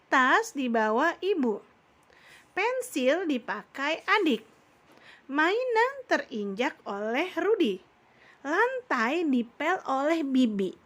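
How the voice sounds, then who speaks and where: A woman teaches a grammar lesson to young schoolchildren in a high, light voice. She talks patiently and steadily, checking often that her pupils follow along. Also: fairly bright tone. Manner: patient, addresses pupils as "Nak" with frequent "ya". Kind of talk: online grammar lesson for children.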